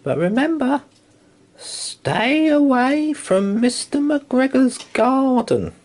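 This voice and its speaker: A man's voice: extremely high pitch, big pitch swings, slow pace, darkish tone, pitched above the performer's own voice, heavily acted. A man voicing a caring mother rabbit in a storybook, instructing her children in a motherly manner. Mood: motherly warning. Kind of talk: storybook character voice.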